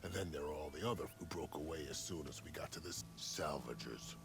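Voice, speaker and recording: An actor playing a gruff, laconic scout in a video game, speaking in a terse, understated way. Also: male voice, extremely low pitch, a little fast. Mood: matter-of-fact. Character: gruff, laconic male scout of a salvage crew. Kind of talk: video game character acting.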